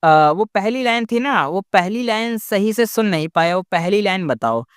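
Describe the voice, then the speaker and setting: Guy doing a sly calm young schemer, playing dumb all polite and unbothered, clean clear voice, kinda high, dry sound. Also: moderate pace, no echo. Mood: calm, coy. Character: sly calm young man, feigning confusion.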